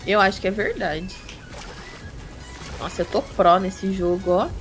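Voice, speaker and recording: A woman's voice: medium pitch, unhurried. A woman with a Brazilian accent chatting casually and teasingly while she streams a game. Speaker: gaming streamer. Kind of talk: casual live-stream chat while gaming. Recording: music playing behind. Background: music.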